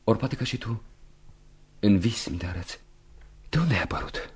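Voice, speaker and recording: An actor playing an anxious, dreamy young man back from war in a radio drama, shifting from hushed musing to loud calls. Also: lowish voice, lively intonation, slightly rough. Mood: troubled. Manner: wavering between hushed musing and sudden exclamation.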